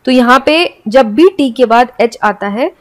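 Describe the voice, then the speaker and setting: A woman's voice: a little high, measured pace. A woman teaching English pronunciation, explaining each rule step by step and spelling words out letter by letter. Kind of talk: classroom explanation.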